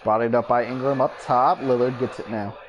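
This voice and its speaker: A man doing mock play-by-play basketball commentary for a gaming video, calling each play in brisk clipped bursts, his voice jumping up on big plays. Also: mid-range voice, muffled recording, noisy background. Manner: excitable, voice jumps up on big plays. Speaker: YouTube gaming creator.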